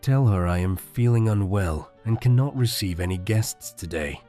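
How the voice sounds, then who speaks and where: A man's voice: lowish voice, animated, normal speed, mellow, faint music behind, voice pushed down, lightly acted. A man voicing an old, powerful male tycoon who speaks in curt, commanding lines. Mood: cold.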